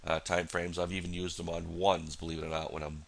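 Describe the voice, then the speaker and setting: Male trader, very low pitch, nasal from a cold, rambling casual chart walkthrough. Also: flat delivery, brisk, gravelly. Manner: rambling, many fillers and restarts. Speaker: futures trader. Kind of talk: casual market analysis walkthrough.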